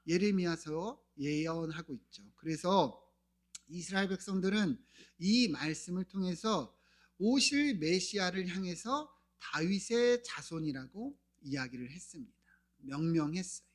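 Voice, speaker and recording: High-voiced pastor preaching a sermon. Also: male voice. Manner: asks the congregation questions and answers them; shifts between loud calls and soft near-whispers. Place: church.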